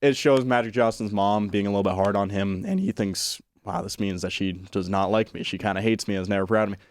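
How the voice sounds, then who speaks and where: A young man, a college student, hosting an interview podcast in a relaxed, conversational way. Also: lowish voice. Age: young adult. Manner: fast, easy, conversational. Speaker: podcast host, college announcer.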